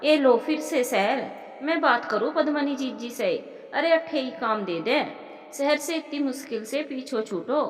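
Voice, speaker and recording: A woman voicing a stern, sharp-tongued old village mother-in-law with a Rajasthani accent, in a storybook narration. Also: sits high, animated, measured pace. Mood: scolding. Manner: scolding, blunt village dialect. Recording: roomy with long reverb.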